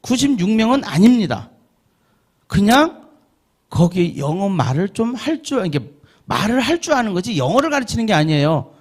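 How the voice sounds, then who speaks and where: A man's voice: high voice, sing-song, normal speed, husky. A middle-aged man lecturing an audience on learning English. He asks the listeners questions, answers them himself, and drills vowel sounds aloud.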